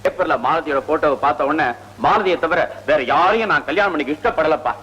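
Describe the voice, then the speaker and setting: An eager, husky young son. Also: male voice, a little high, quick pace, fairly bright tone, poor audio. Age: young adult. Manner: eager, insistent. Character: earnest young son set on marriage. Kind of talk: classic film dialogue.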